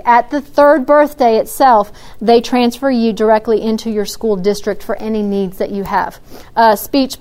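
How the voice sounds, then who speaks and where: A woman's voice: a little high, darkish tone. Talkative woman explaining to parents. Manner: explanatory, practical, many fillers. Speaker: early childhood educator answering parents. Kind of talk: Q&A talk to parents.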